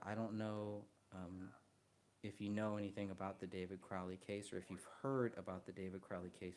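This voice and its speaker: Speaking softly in a deep voice right up against the mic, a man chats casually during a live stream, hesitating with many ums and restarts.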